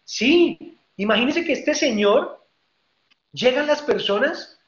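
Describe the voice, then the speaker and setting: A male preacher who tells a story as a lively storyteller and speaks directly to his audience, in a hall with microphones. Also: very high voice, slow. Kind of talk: storytelling sermon. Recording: roomy, dull hall audio.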